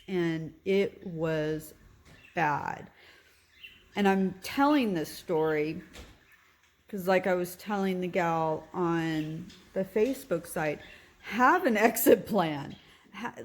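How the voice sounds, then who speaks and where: A woman candidly telling a personal vlog story about her recovery from surgery, pausing often and giving earnest advice. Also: on the low side.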